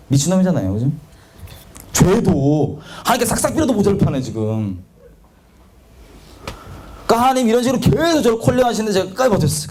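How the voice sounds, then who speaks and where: A young man preaching a sermon, telling his own story in a confessional, animated way and acting out quotes. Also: a little high.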